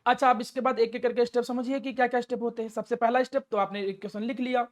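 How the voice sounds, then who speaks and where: A woman's voice: a little high, steady tone, fast talker. A woman teaching a chemistry lesson step by step, asking and answering her own questions and affectionately addressing the student. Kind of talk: classroom lecture.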